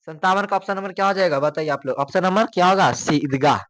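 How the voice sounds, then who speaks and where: A man teaching, his voice pitched a little high. He reads out multiple-choice questions, repeats them and prompts students to answer. The sound is close and dry. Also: fast, fairly bright tone, dry recording. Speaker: exam coaching teacher. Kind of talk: exam question walkthrough.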